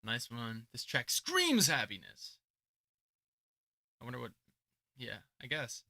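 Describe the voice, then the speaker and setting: A young man hosting his channel and judging beatbox entries in casual reaction commentary, chatty, laughing often, and shifting between mumbled asides and loud remarks. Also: medium pitch, wildly swooping pitch, takes it slowly, gravelly. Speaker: beatbox judge and channel host. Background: beat music playing.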